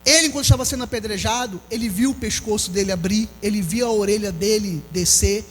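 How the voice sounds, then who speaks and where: A Brazilian pastor preaching an impassioned sermon, calling out questions to the congregation. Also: male voice, high-pitched, quick pace, a little hiss or hum. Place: church hall. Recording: long hall reverb with faint music.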